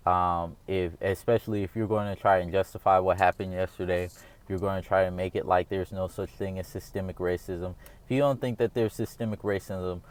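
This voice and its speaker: A smooth, deep-voiced American man in his thirties, a vlogger, talks through his opinions in a casual, earnest monologue. He rambles and keeps circling back with "all right?"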